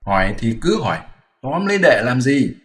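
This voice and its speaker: A man's voice: mid-range voice, very animated, moderate pace, fairly bright tone. A man voicing a lazy, fearful pig-monk who pleads and blusters in a whiny, flustered way, in a storybook reading. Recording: roomy echoey room.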